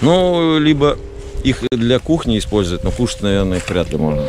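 A man's voice: medium pitch, sing-song, fairly quick. A man chatting enthusiastically and casually while walking around an outdoor jungle site, with lots of fillers. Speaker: vlogger touring a building site. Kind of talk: casual walk-and-talk. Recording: loud music over the voice.

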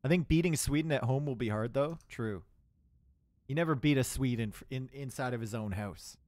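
At a moderate pace and in a mid-range voice, a Canadian esports caster delivers live game commentary full of jokes, chat banter, and dry sarcasm. Tense plays set off loud, excited shouting. There's no room sound.

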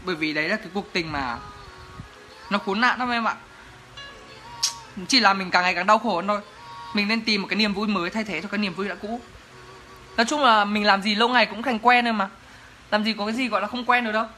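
A man's voice: high voice, fast talker, pauses often, pushed and bright, soft background music. A young man, chatting playfully in a casual Q&A vlog. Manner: playful, joking, chatty with laughs. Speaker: vlogger. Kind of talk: casual Q&A chat to camera.

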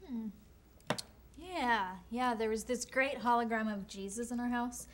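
A woman's voice: fairly high pitch, measured pace, slight background noise, natural voice. An actress playing a ditzy, tactless young woman who rambles in an airheaded way, on a studio set. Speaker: actor. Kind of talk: sitcom acting.

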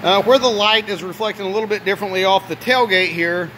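Male auto detailer, high-pitched, casual walkaround narration, voice raised over steady fan noise in a garage workshop. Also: fast talker, low-quality recording. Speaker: auto detailer presenting own work. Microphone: handheld phone camera, operator behind it. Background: running fan.

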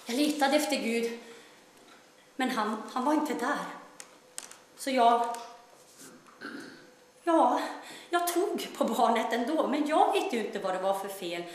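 Actress as a wry, troubled self-proclaimed daughter of God, high voice, very echoey stage room. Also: female voice, expressive, pauses often, slight background noise, natural voice. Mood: storytelling. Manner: wry, shifting between bursts of loud speech and hushed telling. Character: troubled woman claiming to be God's daughter. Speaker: stage actor in a monologue. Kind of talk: theatrical monologue.

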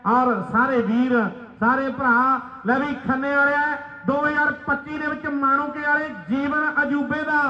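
A man giving excited live kabaddi commentary, repeating players' names and phrases. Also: extremely high pitch, normal speed, reverberant, highs cut off. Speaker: kabaddi match commentator and announcer. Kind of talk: live rural sports commentary. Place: outdoor village sports ground.

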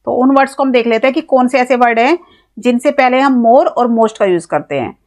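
This woman has an Indian accent and a brisk, darkish voice on the high side. Teaching English grammar classroom-style, she moves step by step, spells out words letter by letter, and answers her own questions.

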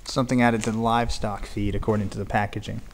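Fairly low in pitch, this man calmly narrates a walkthrough outdoors and inside an abandoned barn-like structure, speaking plainly with filler pauses like the urban explorer he is. The handheld camera's built-in mic picks up clear background noise.

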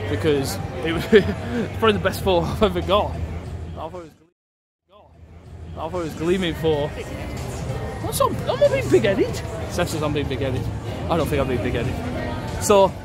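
A man's voice: a little high, moderate pace. Tipsy, chatty man with faded Yorkshire accent. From Yorkshire, England. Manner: chatty, rambling, laughs often. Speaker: travel vlogger. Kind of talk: casual walk-and-talk vlog. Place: busy outdoor pedestrian street at night. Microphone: handheld phone. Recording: loud music and crowd noise behind.

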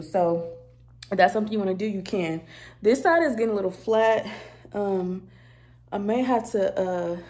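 Speaking in a medium-pitched, somewhat mellow voice, the young woman talks chattily to camera for her vlog, greeting her viewers as y'all. She records in her apartment's kitchen and living room with a phone camera held at arm's length.

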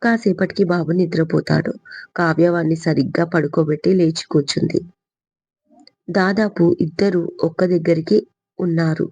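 A woman narrating her own written story in a steady storytelling manner. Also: deep voice, normal speed, slightly rough, no echo. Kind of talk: scripted narration. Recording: dull lo-fi recording.

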